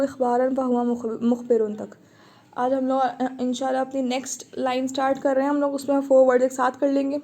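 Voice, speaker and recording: A woman's voice: high-pitched, warm tone. A woman teaching Arabic grammar in an online lesson, explaining patiently, repeating the words and checking that her students understand.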